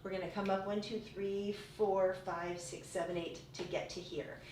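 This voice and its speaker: A woman's voice: mid-range voice, little pitch movement, normal speed, a little mellow, a little hiss or hum. A middle-aged woman teaching a ballet class, counting rhythmically aloud between instructions. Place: home room with tiled floor, indoors. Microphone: far camera across the room. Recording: echoey room, distant mic, background music.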